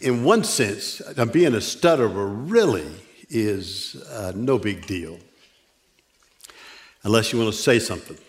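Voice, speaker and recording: In a church sanctuary, an older man preaches a sermon as a guest, his lowish voice expressive. He stutters, pauses and restarts often, and slips in dry, self-deprecating humor.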